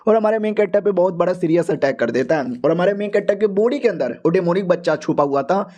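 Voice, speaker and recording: A man's voice: sits high, lively intonation, fast talker, mellow. A man telling an anime story in a casual, slangy way with joking asides. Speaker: anime recap narrator.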